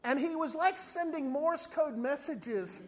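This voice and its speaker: This man, not from South Africa, speaks in a very high-pitched voice at an unhurried pace. Preaching as an evangelist, he tells a funny story with animation and briefly acts out the voices of the people in it.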